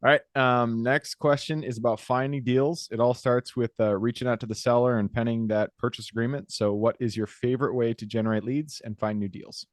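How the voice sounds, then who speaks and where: A man hosting a podcast interview over a video call, upbeat and agreeable, with quick interjections. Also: mid-range voice, steady tone, dry recording, studio quality. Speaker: podcast host. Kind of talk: casual interview.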